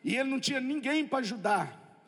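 Brazilian male preacher, high voice, comic storyteller, echoing church hall. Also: brisk, breathy edge. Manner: lively storytelling with comic asides. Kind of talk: humorous testimony sermon.

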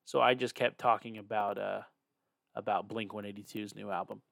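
A man's voice: fairly low pitch, fairly even intonation, normal speed, creaky, fairly bright tone, no room sound, studio quality. Rambling, swearing young man host. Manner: rambling, swears freely, chuckling. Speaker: podcast host. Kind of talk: casual chat on a call.

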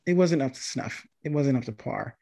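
A man's voice: medium pitch, normal speed, gravelly, mellow. Rambling man reviewing a movie. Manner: meandering, hesitant with many ums. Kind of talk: casual chat.

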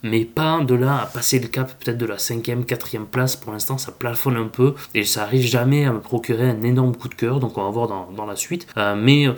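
A man's voice: mid-range voice, a little fast, hardly any pauses, a little mellow. A man hosting a podcast, reviewing books in a casual, hesitant way with frequent filler sounds. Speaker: manga podcast host.

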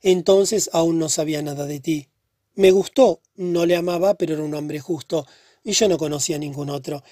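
A man reading the part of a pale, troubled young woman who speaks softly and sadly. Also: sits low, normal speed, no room sound, studio quality. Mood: pleading. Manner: soft, subdued and hushed.

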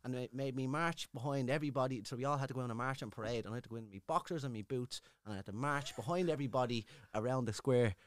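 A man's voice: medium pitch, rapid-fire, few pauses. A man with an Irish accent chatting casually, rambling and swearing freely as he tells stories. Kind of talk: casual chat.

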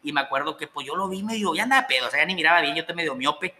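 A young Mexican man spins a rambling party story at a rapid clip, full of slang and swearing. His voice is sharp and very bright, slightly high for a man, and he laughs through his own punchlines. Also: expressive, slight background noise. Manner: profane, slangy, laughs while telling stories. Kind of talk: casual storytelling chat.

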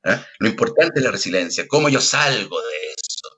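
A man's voice: fairly low pitch, expressive, brisk, pushed and bright, breathy edge. A middle-aged Chilean man, a theater actor and director, talking earnestly in an interview and often tagging his points with a questioning "ah?". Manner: earnest, keeps adding questioning tags. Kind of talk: reflective interview talk.

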